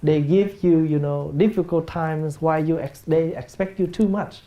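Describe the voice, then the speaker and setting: A Buddhist monk, a man with a Vietnamese accent and Vietnamese as his first language, giving a gentle, plain-spoken dharma talk in English and acting out family scenes with humor. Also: on the high side, steady tone, moderate pace, lo-fi sound.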